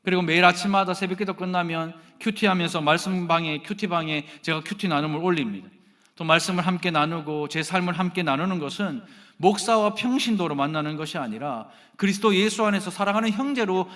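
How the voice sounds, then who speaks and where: A man's voice: a little high, fairly quick. A male pastor with a Gyeongsang Korean accent preaches a sermon, speaking directly to the congregation and joking with them. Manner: animated, addresses the congregation directly and jokes with them.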